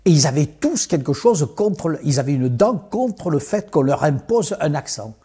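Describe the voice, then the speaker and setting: A man from southern France speaking in a conversational interview, reflective and animated, often restarting his sentences. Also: on the high side, normal speed, breathy edge. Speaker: interview guest.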